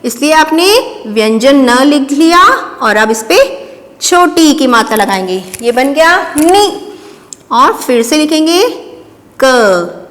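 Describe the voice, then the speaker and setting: A woman teacher with a high voice leads a dictation lesson for small children. She speaks very slowly and patiently, breaking each word into syllables and drawing it out. Her voice carries a long reverb from the room. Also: expressive, fairly bright tone. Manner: slow, patient, spelling words syllable by syllable.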